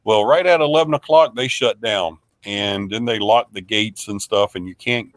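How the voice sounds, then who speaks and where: A man's voice: lowish voice, moderate pace, no room sound. Rambling man hosting a live stream. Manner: rambling, filler-heavy, friendly. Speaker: paranormal investigator and live stream host. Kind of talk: casual live stream recap.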